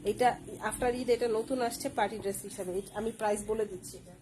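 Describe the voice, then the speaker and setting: A woman's voice: medium pitch, steady tone, fast talker, very noisy. A woman hosting a live clothing sale stream, using repetitive, persuasive sales patter.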